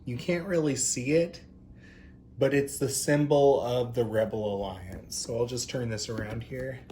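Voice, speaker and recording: A doll review host gives unscripted product review commentary in an effusive, gushing, campy drag-queen manner. His medium-pitched voice is unhurried with a dark tone, over slight background noise.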